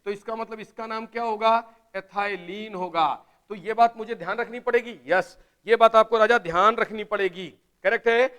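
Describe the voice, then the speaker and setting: High-voiced male chemistry teacher. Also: steady tone, a bit bright, clear, resonant tone. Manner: urges students to answer quickly in chat; explains step by step, often asks "right?". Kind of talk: live online class lecture.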